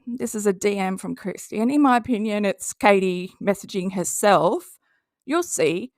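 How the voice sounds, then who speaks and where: A commentary video host with an Australian accent reads posts aloud and gives casual, sarcastic commentary in a blunt, mocking way. Her voice is medium-pitched at a normal speed, in a dry, studio-quality recording.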